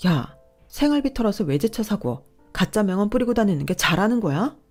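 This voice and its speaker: A woman voicing a furious young pregnant wife who scolds and shouts at her husband. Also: mid-range voice, very animated, fairly quick, soft background music, voice pushed up. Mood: scolding.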